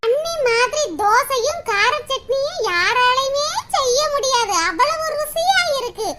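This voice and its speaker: Squeaky greedy cartoon sister-in-law. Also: animated, unhurried. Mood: wheedling. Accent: Tirunelveli Tamil. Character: greedy young sister-in-law, always hungry. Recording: loud background noise.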